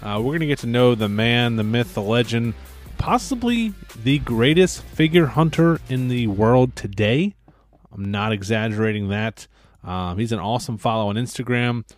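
A man's voice: mid-range voice, lively intonation, moderate pace, soft background music. A man hosting a podcast, chatty and upbeat, with many filler words, speaking from a podcast studio. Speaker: podcast host.

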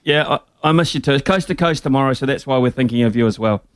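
A man with a New Zealand accent hosting a casual live radio interview, halting and repeating himself as he mulls over his words. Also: mid-range voice, clean tone, no room sound. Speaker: sports radio host.

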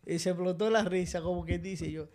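A man's voice: high-pitched, fairly quick. A man with a Dominican Spanish accent telling funny stories in a casual chat, laughing as he goes. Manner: animated, laughs through his stories. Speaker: podcast co-host. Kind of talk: casual comic storytelling.

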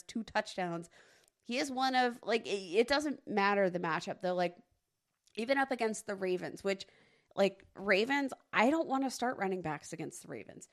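A woman's voice: medium pitch, a bit bright. Emphatic, teasing woman podcaster. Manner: emphatic and teasing, many "like" fillers. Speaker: podcast co-host. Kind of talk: casual sports podcast chat.

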